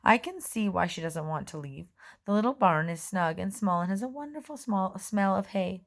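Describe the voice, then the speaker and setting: A woman narrating a children's storybook in the first person, in a gentle, measured way. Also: medium pitch, expressive, creaky. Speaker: audiobook reader.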